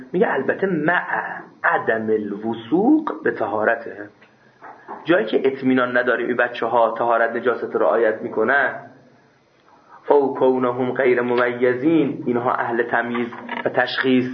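A man teaching a seminary class. He reads classical quotes slowly, then explains them in a lively, chatty way with jokes. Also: mid-range voice, a little hiss or hum. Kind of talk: classroom lecture on a religious law text. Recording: roomy, dull lo-fi recording.

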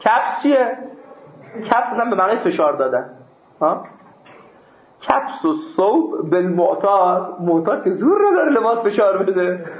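Pausing often, a high-voiced man swings widely in pitch as he teaches seminary students. He reads Arabic passages aloud, explains them by question and answer, and jokes with the class from time to time, all captured in a dull, echoey classroom.

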